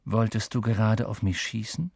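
A brooding, dreamy centaur, as a male reader puts him on, sighing and slow, with a lowered, somber voice. He gives solemn, evasive answers in an audiobook reading. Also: animated, dark tone, no room sound, studio quality. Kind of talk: audiobook character voice.

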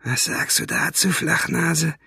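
A man voicing a menacing male thug who drawls his words slowly and threateningly quietly. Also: on the high side, gravelly, slightly rough, no echo, studio quality, voice pushed up, exaggerated voice. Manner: slow, drawn-out, threateningly quiet. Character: sneering menacing male thug, fox-faced.

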